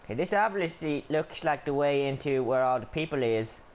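A man's voice: a little high, lively intonation, normal speed, close to an everyday voice. A man voicing a skittish, whiny little male adventurer in let's play commentary, rambling and stammering, yelping whenever something attacks. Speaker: gameplay commentator.

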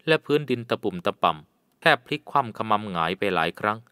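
A man narrating a jungle adventure audiobook in a measured, suspenseful way. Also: lowish voice, lively intonation, pushed and bright, clear, resonant tone, no echo, clean studio sound.

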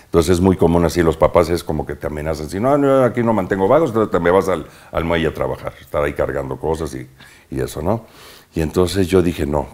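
A man with a Mexican accent and an extremely deep, low-pitched voice speaks as a guest in a relaxed interview. He is an actor who recounts his past in lively anecdotes, peppering them with slang and punchy sound words. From Mexico, Veracruz. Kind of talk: casual interview storytelling.

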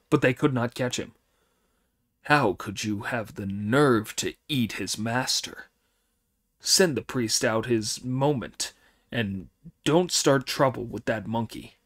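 A man voicing a wily monkey king who poses as an old demon king, in a slow, sly, mock-grave manner. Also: medium pitch, natural voice.

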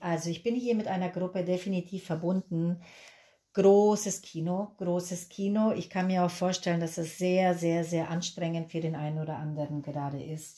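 A Peruvian-born woman in her fifties talks through a tarot reading in a lowish, mellow voice. She is chatty and reassuring and often repeats words for emphasis. She is recorded indoors at a candlelit table. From Peru. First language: Spanish. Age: 50s. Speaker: tarot reader.

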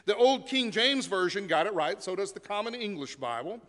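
A man's voice: high voice, expressive, normal speed, a bit bright. A man preaching a sermon as pastor in a church sanctuary, telling stories in a conversational way with occasional fillers. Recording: long reverb of a church sanctuary.

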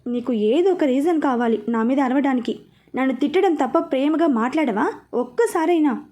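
Brief: hurt, sulky young woman, voiced by a female narrator, high mellow tone. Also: animated, moderate pace. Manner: sulky, pleading.

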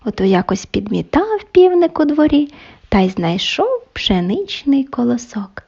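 A woman narrating a bedtime folk tale, soft and often half-whispered. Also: high-pitched, sing-song, measured pace, vocal fry, husky, muffled recording. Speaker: storyteller.

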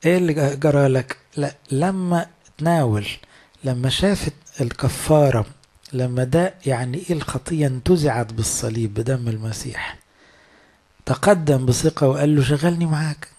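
A man's voice: fairly high pitch, darkish tone, slightly rough. A man with an Egyptian Arabic accent preaching a sermon in a conversational way, often putting rhetorical questions to his listeners.

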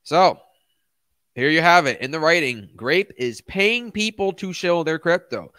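A man's voice: fairly high pitch, animated, unhurried, pushed and bright, smooth, no room sound. A middle-aged man hosting a casual livestream, speaking bluntly and emphatically with slangy asides into a close microphone. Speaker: livestream host, crypto YouTuber. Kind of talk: casual livestream rant, reading and answering chat. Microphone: close studio microphone.

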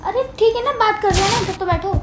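A woman's voice: extremely high pitch, fast, echoey room, noisy background. A woman being pranked, talking in a flustered, protesting, pleading way. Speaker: prank target. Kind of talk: improvised prank video.

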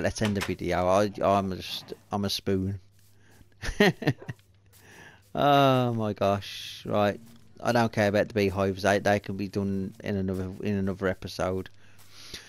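A man hosting a let's-play video, muttering to himself and swearing in exasperation as he plays. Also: fairly low pitch. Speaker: gaming video host. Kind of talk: let's-play game commentary.

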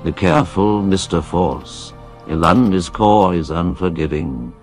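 A male text-to-speech robot voice reading viewer messages in a flat, evenly paced computer delivery. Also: deep voice, unhurried, faint music behind. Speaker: donation message reader. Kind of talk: synthetic read-out of viewer messages.

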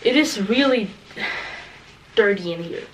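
A young woman chatting casually in a voice-over for her cleaning vlog, soft and hesitant, with many fillers. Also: medium pitch, lively intonation, measured pace, heavy background noise. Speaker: vlogger.

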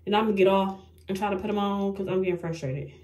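A young woman chats casually to her viewers in a get-ready-with-me beauty vlog. Her voice sits at an ordinary middle pitch. She sounds frustrated and self-mocking, and she keeps calling the viewers "y'all.". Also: steady tone, fast talker, a little mellow. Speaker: beauty vlogger.

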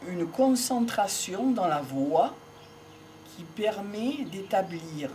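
An older man reflects aloud in a slow, measured way, pausing between phrases. He speaks into a handheld mic while seated in an open country field. Faint birdsong and outdoor air sit softly behind his voice. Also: sits high, a little hiss or hum. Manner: measured, pausing often, philosophical. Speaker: speaker on voice and communication. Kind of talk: slow reflective monologue to camera. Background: faint outdoor ambience with birds.

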